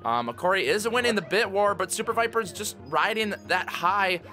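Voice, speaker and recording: Bright-voiced young male game commentator. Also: high voice, lively intonation, normal speed, soft background music. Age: young adult. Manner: hype, jokey play-by-play. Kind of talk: casual esports commentary.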